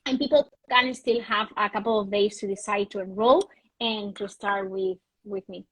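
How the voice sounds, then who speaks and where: A woman's voice: mid-range voice, fairly even intonation, moderate pace, fairly bright tone, breathy edge, poor audio. A woman guest on a video-call interview, explaining her wellness program in an earnest, passionate way. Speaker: guest, wellness retreat host. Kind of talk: interview conversation.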